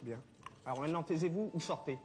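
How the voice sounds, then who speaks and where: A man's voice: on the high side, quick pace, a little mellow, soft background music, close to an everyday voice. An actor playing an exasperated man in a comedy sketch, curt and sarcastic, on old tape audio. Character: exasperated middle-aged man pestered at the cinema.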